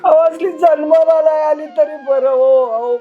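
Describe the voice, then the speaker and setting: A woman's voice: sits high, fairly even intonation, moderate pace, narrow, tinny audio, faint music behind, lightly acted. A woman playing an aging mother who speaks in a tearful, pleading way. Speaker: actor. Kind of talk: short-film acting.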